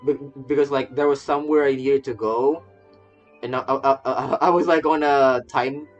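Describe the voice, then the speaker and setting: On a lo-fi recording, a man with a mid-range, fairly even voice talks at a moderate pace during a game livestream. The game streamer and VTuber keeps up casual, rambling commentary with frequent stammering and repeated phrases, faint game music behind him.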